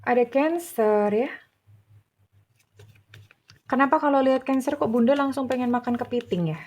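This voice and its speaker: A woman's voice: high-pitched, normal speed, darkish tone. A middle-aged woman, reading tarot cards in a casual, chatty way, teasing and laughing as she talks. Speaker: tarot reader.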